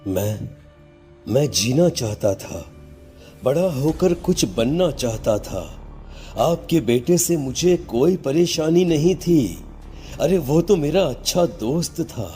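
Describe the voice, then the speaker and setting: A man's voice: on the high side, expressive, slow pace, mellow, soft background music. A man voicing the sorrowful, reproachful ghost of a teenage boy in a dramatized horror story. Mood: wistful sorrow. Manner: mournful, reproachful.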